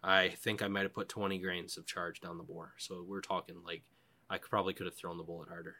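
A man with a bright, forceful voice that sits a little low. He tells a rough outdoor story in casual talk, swearing freely and acting out what he was thinking at the time. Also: fast. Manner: profane, animated, quotes his own thoughts. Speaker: guest telling a survival story.

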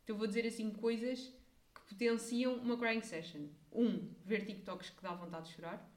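A woman's voice: fairly high pitch, fairly even intonation, normal speed. A young woman with a European Portuguese accent co-hosting a podcast, talking in an emphatic, opinionated, playful way. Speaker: podcast co-host. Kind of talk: casual chat. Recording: echoey room.

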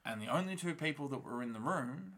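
A man with a bright, punchy voice at a middle pitch talks casually and with animation. His speech is slangy and sweary, scattered with fillers like "you know", "um" and "like". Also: expressive, brisk. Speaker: co-host of a fan discussion show. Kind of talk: casual chat recapping a fantasy TV series.

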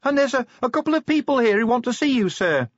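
A man voicing a worried, dutiful young female watch sergeant who answers in quick, clipped, respectful replies through a speaking tube. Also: very high voice, sing-song, fairly bright tone, dry recording, voice pushed up, full character voice. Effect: distant, speaking tube. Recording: dull, distant-sounding recording.

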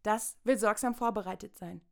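A woman's voice: mid-range voice, moderate pace, gravelly. A woman from Saxony-Anhalt in a satirical stage monologue, prim and self-important, lecturing. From Saxony-Anhalt, Germany.

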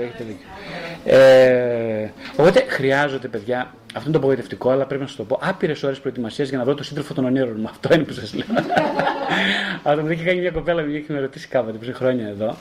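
A male psychotherapist talking casually about relationships, rhetorical and animated, acting out the voices he quotes. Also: a little high, a little hiss or hum.

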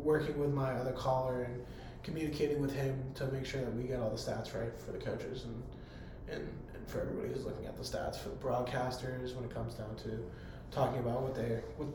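Recorded in a very echoey campus room with a faint hum, a hoarse young man of medium pitch answers interview questions casually. He's a college PA announcer, and his replies come out eager and rambling, thick with fillers.

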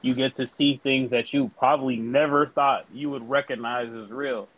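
A man co-hosting a casual podcast chat, animated and playful. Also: mid-range voice, normal speed, phone-quality sound. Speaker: podcast co-host.

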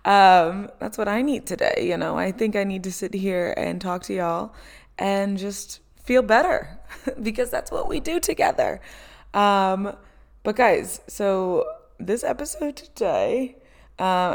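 A woman's voice: on the low side, creaky. A woman, hosting a casual solo chat and talking with many "um"s and "like"s. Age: 20s. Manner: chatty, lots of "um" and "like", laughs often. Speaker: podcast host.

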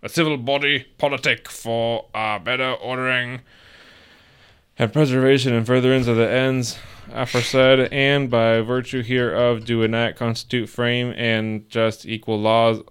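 A man putting on an old-timey voice to slowly and solemnly read an old charter aloud. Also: medium pitch, level tone, a bit bright, clean tone, close to an everyday voice. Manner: slow, stately recitation. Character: old-timey male document reader, solemn and grand.

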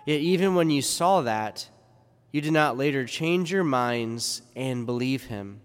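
A man's voice: mid-range voice, animated, a little slow, clear, resonant tone. A man reading the gospel and preaching a conversational homily, full of rhetorical questions, his voice carrying a cathedral-like echo. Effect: cathedral-like church echo. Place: large church. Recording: long reverb in a large church.

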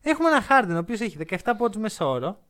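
High-voiced, animated man. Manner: animated, opinionated, lively storytelling. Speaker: podcast co-host. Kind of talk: casual basketball chat.

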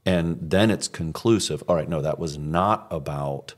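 A pastor casually talking over a recent sermon, thinking aloud with frequent restarts. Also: male voice, very deep voice, measured pace.

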